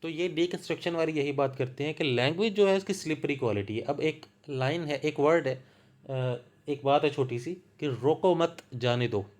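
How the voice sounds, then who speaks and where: A man with a Punjabi accent giving a slow, patient lecture, explaining ideas through worked examples. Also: a little high. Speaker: literature lecturer.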